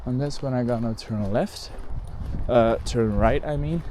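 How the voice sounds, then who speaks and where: An unhurried Dutch man from the Netherlands, a bird photographer vlogger, chats rambling as he walks through open countryside, correcting himself with plenty of "like" and "um." His warm, mid-range voice carries a bit of hiss or hum, set against faint outdoor sounds and passing cars.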